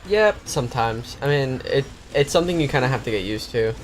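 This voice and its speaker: A young man talks through gameplay in a loose, rambling way, full of restarts and filler. His pitch sits in the middle for a man, and a faint hiss runs under the recording. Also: expressive, fairly quick. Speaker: co-host. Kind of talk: casual gaming chat.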